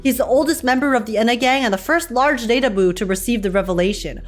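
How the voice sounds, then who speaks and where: A woman's voice: a little high, quick pace, faint music behind, close to an everyday voice. A woman voicing a self-important small creature gang boss in a video game, bossy and declaratory. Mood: brisk, bossy. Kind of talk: video game character acting.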